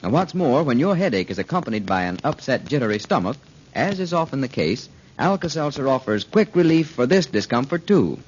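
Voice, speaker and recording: A man's voice: mid-range voice, very animated, fairly quick, a little hiss or hum. A man reading a folksy sponsor announcement, heard as an old AM radio broadcast from the 1940s. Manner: folksy, persuasive. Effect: old AM radio broadcast sound. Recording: muffled 1940s radio recording.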